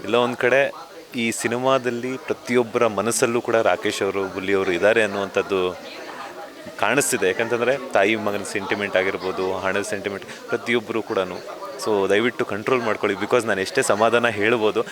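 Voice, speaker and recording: A male entertainment reporter with a Kannada accent asking gentle, consoling interview questions. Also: fairly low pitch, fairly even intonation, brisk. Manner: gentle, consoling, mixes in English words. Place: outdoors at an event with a crowd. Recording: crowd noise behind.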